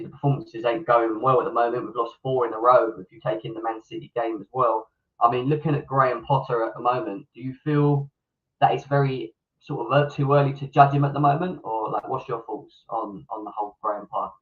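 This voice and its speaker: A man's voice: medium pitch, steady tone, fairly quick. A British man hosting a casual football fan show, his voice muffled and underwater-sounding through a faulty microphone. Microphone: malfunctioning microphone on a remote call.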